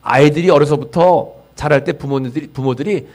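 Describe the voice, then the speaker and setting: Pastor with swinging loudness, man preaching. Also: fairly high pitch, a little fast. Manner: dramatic swings in loudness, trailing off to near-whispers at line ends; acts out quoted self-talk and leads the congregation in call-outs. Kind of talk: sermon. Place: church sanctuary.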